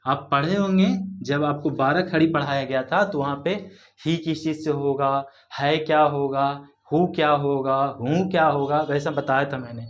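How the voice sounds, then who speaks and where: A man's voice: a little high, fairly even intonation, moderate pace. A man teaching a spelling lesson with a Hindi accent, spelling words out letter by letter and patiently repeating them. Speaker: English teacher.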